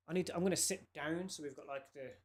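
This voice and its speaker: A man's voice: on the high side, quick pace. A man, chatting casually with viewers on a live game stream and laughing often. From England. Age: 30s. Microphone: desk microphone.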